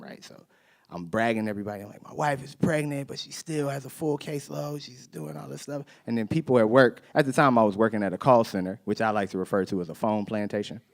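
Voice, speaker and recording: A man performing a stand-up set on a theater stage, telling stories and acting out voices into a handheld mic. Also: fairly high pitch. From Chicago, USA. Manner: animated storytelling, acting out voices. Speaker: stand-up comedian.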